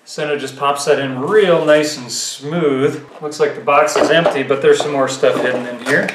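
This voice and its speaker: With a slightly high, steady voice at a moderate pace, a man in his thirties offers casual gear commentary, explaining things and musing informally. He's indoors at a living room table, and the audio carries roomy echo plus clear background noise.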